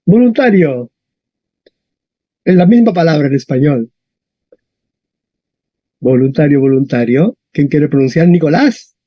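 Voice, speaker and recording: A man teaching a classroom lesson, talking in a lively way and often adding tag questions. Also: a little high, measured pace, long pauses, no room sound. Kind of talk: classroom lesson on Latin stress. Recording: dull, dry lo-fi sound.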